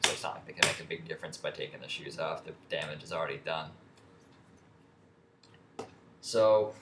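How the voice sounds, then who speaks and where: The voice is deep yet a bit bright: a young man, a vlogger, rants casually through a story, rambling and swearing with many fillers and restarts. The recording has an echoey room sound and faint ambient noise.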